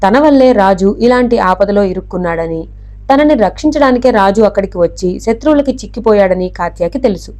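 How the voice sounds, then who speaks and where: A woman reading a detective novel aloud in a steady, even storytelling voice. Her tone is mellow and warm, at a middle pitch for a woman. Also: fairly quick. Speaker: narrator.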